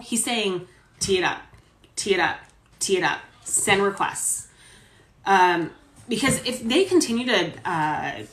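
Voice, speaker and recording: A woman's voice: medium pitch, a bit bright. A woman lawyer giving casual legal commentary, explaining points conversationally with fillers. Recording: roomy echo.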